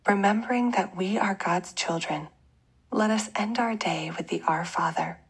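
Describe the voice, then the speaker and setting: A woman leading a guided bedtime prayer in a soft, hushed, breathy voice, with a gentle and measured delivery. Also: mid-range voice, poor audio.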